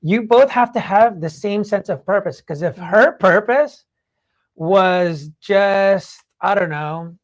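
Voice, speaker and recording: Speaking slowly in a voice that sits high, a man hosts a podcast full of casual motivational talk. His explanations wander informally and lean on fillers such as "like" and "you know."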